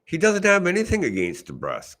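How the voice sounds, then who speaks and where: A man's voice: sits high, wildly swooping pitch, brisk, a bit bright. A man co-hosting a hockey podcast, giving blunt, dry opinions in casual chat. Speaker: podcast co-host.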